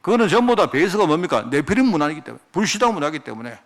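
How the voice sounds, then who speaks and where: A male pastor preaches an animated sermon in a high, lively, rapid-fire voice whose pitch climbs and dips all over. He keeps tossing rhetorical questions at the congregation.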